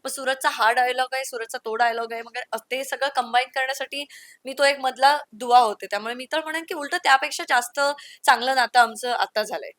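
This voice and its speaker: Interview guest: young woman from the Konkan, bright, slightly high voice, lively anecdotes, dry close sound. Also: fairly quick, no room sound. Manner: storytelling, lively with quoted asides. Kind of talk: candid conversational interview.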